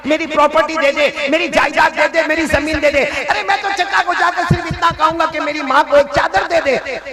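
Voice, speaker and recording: A man's voice: extremely high pitch, moderate pace, voice pushed up. A man preacher voicing an earnest eight-year-old orphan boy who implores, in a sermon story. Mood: imploring. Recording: crowd heard behind.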